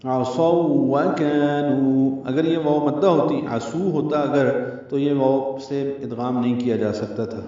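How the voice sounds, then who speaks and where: A man's voice: mid-range voice, fairly even intonation, mellow. Man, tajweed teacher, step-by-step explanation with chanted examples, muffled, distant. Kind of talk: tajweed lesson. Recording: echoey, distant, muffled recording.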